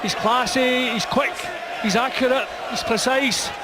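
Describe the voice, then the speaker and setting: A man's voice: very high-pitched, steady tone, measured pace. A man giving analytical live boxing commentary in a raised, projected voice. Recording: live arena broadcast, very loud crowd noise.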